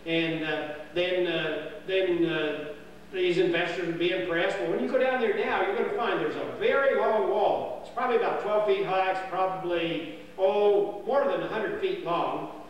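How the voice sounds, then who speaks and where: A man's voice: high-pitched, moderate pace, muffled recording. An older man, a camp storyteller, telling a folksy history tale in a rambling, homespun way with many fillers and restarts, recorded indoors in a dining hall on a far camera. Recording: roomy hall echo from far off, faint hum.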